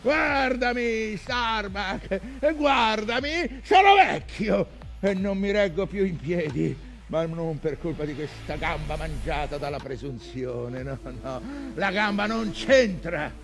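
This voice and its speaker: An actor playing an old, weary, obsessed whaling captain in a brooding, halting theatrical monologue that swings between murmurs and impassioned outcries. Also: male voice, high-pitched, expressive, a bit bright, full character voice. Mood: anguished, weary.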